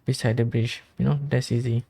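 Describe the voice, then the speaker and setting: A man's voice: medium pitch, little pitch movement, a little fast, creaky, dark tone. A man casually commentating over a video game's dialogue with wry, joking asides. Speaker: gameplay commentator. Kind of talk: casual let's-play commentary.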